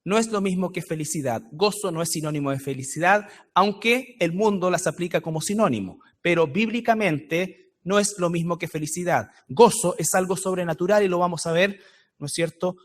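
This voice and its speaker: A Chilean man preaching a Bible study sermon in church, explaining words slowly and repeating key phrases for emphasis. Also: high voice. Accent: Chilean Spanish.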